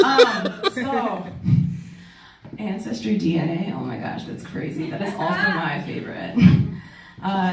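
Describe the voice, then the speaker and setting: A woman's voice: medium pitch, heavy background noise. Woman doing stand-up in an echoey club. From New York City. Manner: lively, laughing at her own jokes. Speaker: stand-up comedian. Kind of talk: stand-up set. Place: small comedy club. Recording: echoey club room, mic at a distance. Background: audience laughter.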